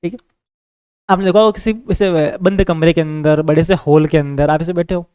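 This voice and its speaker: A man with a Hindi accent giving a classroom science lecture, asking his students questions and repeating key words, slowing down to read definitions. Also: a little high, fairly even intonation, darkish tone, clear, resonant tone, no echo. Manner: repetitive, asks students questions; reads English definitions slowly. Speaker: teacher.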